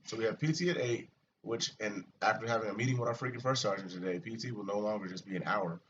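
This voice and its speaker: A man's voice: on the low side, fast. A man chatting casually and at length about his army routine, swearing often and venting, recorded from a distance with muffled sound. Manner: rambling, profane and animated. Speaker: soldier vlogger. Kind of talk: casual chat. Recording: distant, muffled mic with light hiss.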